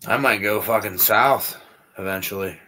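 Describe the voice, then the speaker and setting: A man in his early twenties in a casual chat, complaining in a relaxed way and swearing freely. His voice has a bright, sharp edge. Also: lowish voice, normal speed. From Pennsylvania. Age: 20s. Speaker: chat participant.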